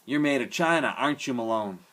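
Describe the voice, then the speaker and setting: A man voicing an enormous, bearded, gentle drifter who speaks in a formal, genteel and playful way. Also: medium pitch, expressive, fairly quick, natural voice. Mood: genial.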